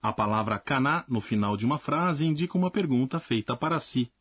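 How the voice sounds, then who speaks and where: A man teaching a language lesson in a clear, explanatory scripted narration. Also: mid-range voice, brisk, fairly bright tone, no room sound.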